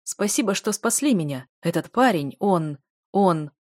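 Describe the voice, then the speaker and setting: A woman's voice: lowish voice, animated, a little slow, darkish tone, no echo, clean studio sound. A woman voicing a jeering male healer. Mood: whining. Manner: jeering, cackling. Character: mocking arrogant male town healer. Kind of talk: audiobook character voice.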